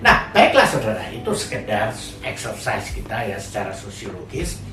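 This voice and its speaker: A man's voice: on the low side, sing-song, normal speed. An older man giving a sociology lecture, speaking animatedly, addressing his listeners directly with frequent fillers and restarts. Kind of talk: recorded lecture. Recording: roomy, distant mic, music behind.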